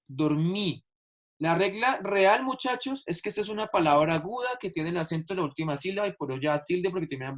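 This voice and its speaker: A male teacher explaining a lesson over a video call, patiently stretching out key words and repeating examples. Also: a little high. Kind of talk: online class explanation.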